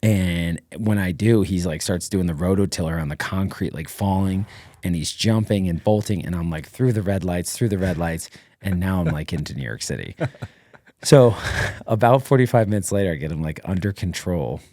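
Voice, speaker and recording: Deep-voiced man telling a rambling story. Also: moderate pace, dry recording, clean studio sound. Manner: rambling, energetic storyteller heavy on fillers. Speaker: podcast guest, former Navy SEAL. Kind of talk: casual interview storytelling.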